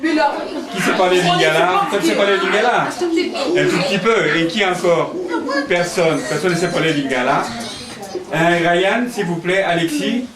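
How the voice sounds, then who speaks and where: Echoey teacher questioning children. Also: male voice, high voice. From Congo. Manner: questioning, encouraging, laughs often. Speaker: singing-school teacher. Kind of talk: classroom talk with children. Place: indoor classroom with children. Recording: echoey room with children's crowd noise.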